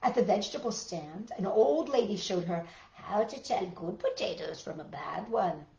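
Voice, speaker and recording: A woman reads a picture book to children with dramatic emphasis and chatty asides, her mid-range voice animated, gravelly and a little mellow at a moderate pace. The audio is dull, and the room sounds roomy and echoey.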